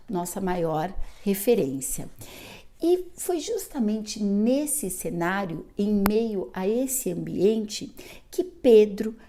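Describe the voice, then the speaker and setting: A woman giving a measured, explanatory gospel talk at a spiritist center, pausing to correct herself now and then. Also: mid-range voice, warm tone. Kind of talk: gospel exposition.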